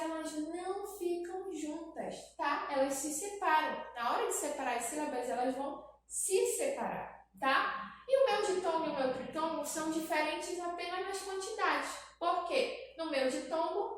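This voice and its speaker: A woman teaching a grammar lesson to young children, repeating each point and checking in with "tá?". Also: sits high. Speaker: primary school teacher. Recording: very echoey room, voice from a distance, faint noise.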